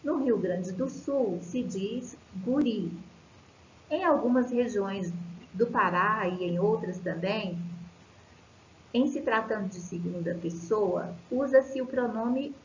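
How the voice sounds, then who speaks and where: A Brazilian woman teaching a recorded lesson, explaining slowly with many fillers and restarts. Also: medium pitch, roomy sound, dull audio, a little hiss or hum. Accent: Brazilian Portuguese.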